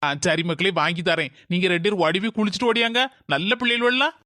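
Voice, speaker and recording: A woman voicing a soft-spoken, indulgent middle-aged village father in a cartoon, with a southern Tamil Nadu accent. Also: fairly low pitch, fast talker, no room sound, studio quality.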